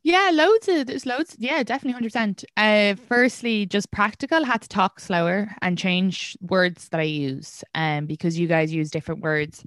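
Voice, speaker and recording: A woman's voice: mid-range voice, normal speed, hardly any pauses, no echo, clean studio sound. A young Irish woman, a stand-up comedian, chatting casually and telling stories with energy. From Ireland. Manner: chatty, animated storytelling with laughs. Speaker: stand-up comedian, podcast guest. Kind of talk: casual conversational chat.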